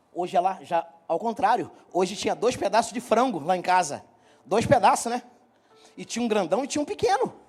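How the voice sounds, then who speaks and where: A middle-aged man from Brazil delivers a sermon as a running comic story, talking straight to the people in front of him. His voice sits high for a man. Soft music plays faintly behind him in the church. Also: husky. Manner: joking, animated storyteller, talks straight to the congregation. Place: church hall.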